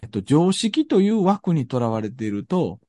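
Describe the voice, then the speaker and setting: A man's voice: on the high side, sing-song, moderate pace, warm tone, no room sound. A man with a Kansai accent hosting a reflective discussion, thinking aloud and often searching for his words.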